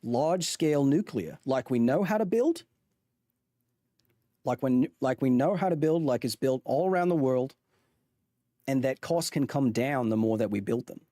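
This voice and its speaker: A man with a medium-pitched, dark, expressive voice speaks at a moderate pace with long pauses, chatting to his stream about a chart. Adopting a mock Australian accent, he rambles, frequently starting over and correcting himself. The audio is studio quality with no echo.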